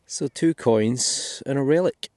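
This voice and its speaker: Speaking slowly at medium pitch, a man from Scotland muses aloud in a chatty way while unearthing finds in a field for his metal detecting vlog. The voice is a little mellow, and the recording is dry and of studio quality.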